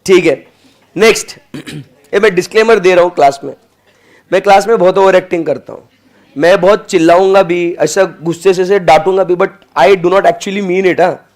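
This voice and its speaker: A man's voice: high-pitched, a little mellow. A young adult male teacher giving a classroom lecture, joking and playful, mixing Hindi with English.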